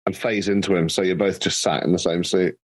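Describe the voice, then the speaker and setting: A man's voice: deep voice, fairly even intonation, brisk, slightly rough. A man, a tabletop game player, laid-back and blunt with a joking edge. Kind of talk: tabletop role-play chat.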